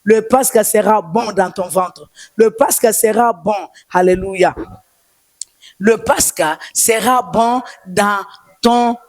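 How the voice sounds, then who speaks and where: A woman's voice: mid-range voice, slow, no room sound. A woman prophetess with a Congolese French accent, giving a fervent testimony in a repetitive, sing-song preaching cadence.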